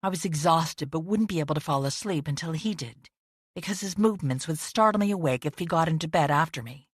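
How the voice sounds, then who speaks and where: A woman reading a first-person audiobook narration in a measured, introspective way. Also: low-pitched, husky, dry recording, clean studio sound.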